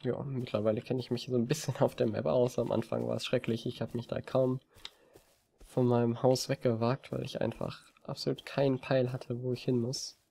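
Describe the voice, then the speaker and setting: A man giving relaxed, rambling commentary over a video game from his desk, with frequent hesitations. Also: mid-range voice, moderate pace, creaky, a little hiss or hum. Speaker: let's play gamer. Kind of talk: casual gameplay commentary. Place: home desk. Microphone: desk mic on a stand.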